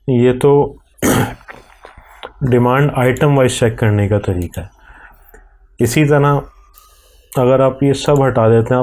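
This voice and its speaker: A man with a Pakistani accent guides a software screen recording, explaining each click in a slow, step-by-step way. His voice sits at an ordinary pitch with a dark, mellow tone. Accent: Urdu-Hindi speaking, Pakistani. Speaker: software tutorial presenter.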